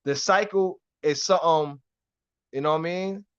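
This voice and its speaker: Man, New York–Florida accent, slangy and profane live-stream host, slightly high voice, muffled lo-fi audio. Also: normal speed, a bit bright, smooth. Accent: New York mixed with Florida. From Harlem, New York. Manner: loose street slang, heavy cursing, repeats "you know what I mean". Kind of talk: casual chat.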